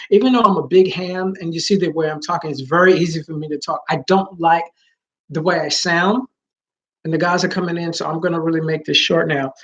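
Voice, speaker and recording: A vlogger with a naturally high voice speaks loudly in a casual live chat with his viewers, rambling and full of fillers and restarts. The audio sounds dull.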